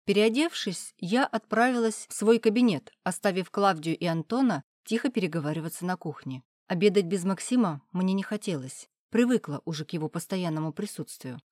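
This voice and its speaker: A woman reading a first-person audiobook in an even, measured way. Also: on the low side, dry recording, studio quality. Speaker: audiobook narrator.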